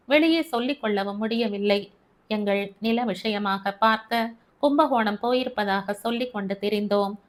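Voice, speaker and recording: A woman narrating a first-person short story in a measured, steady reading. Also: medium pitch.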